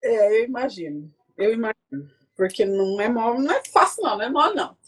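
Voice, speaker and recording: A woman in her forties with a slightly husky, higher-pitched voice tells her story with real animation. She slips into other people's lines as she recounts them. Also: brisk. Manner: animated, acts out quoted dialogue. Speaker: guest speaker. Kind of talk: emotional conversational storytelling.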